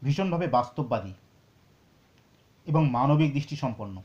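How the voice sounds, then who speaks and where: A man teaching Sanskrit scripture, explaining slowly and reciting verses. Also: mid-range voice, lively intonation, darkish tone, dull audio. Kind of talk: lecture on scripture.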